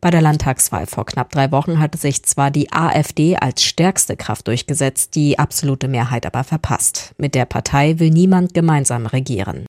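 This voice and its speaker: A woman's voice: low voice, moderate pace, few pauses, a little mellow, no room sound. Female reporter, dry studio sound. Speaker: news reporter. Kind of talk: scripted news report.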